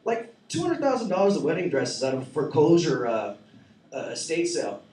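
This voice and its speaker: Man in his forties, open-mic stand-up comic, high voice, rambling and profane, echoey room, off-mic. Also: wildly swooping pitch, fairly quick, darkish tone, recorded from a distance. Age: 40s. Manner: rambling, profane and self-mocking. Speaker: stand-up comedian. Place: small cafe stage.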